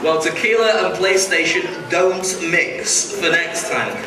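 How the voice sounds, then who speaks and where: A man's voice: high-pitched, a little slow, a crowd in the background. A man hosting a live comedy hypnosis show on stage, teasing volunteers with questions and repeating their answers and his instructions. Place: large indoor theatre stage with audience. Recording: echoey noisy theatre, distant sound.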